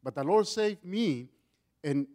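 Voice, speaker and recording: A guest speaker in church, this middle-aged man speaks with a Mexican accent, Spanish being his first language. He is loud, animated and slow, his voice high for a man, and he earnestly restarts his sentences again and again.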